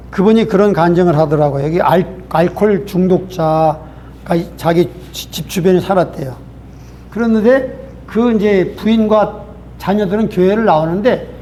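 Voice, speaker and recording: Male pastor, high-pitched, earnest sermon storytelling with rhetorical questions. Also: warm tone, a little hiss or hum.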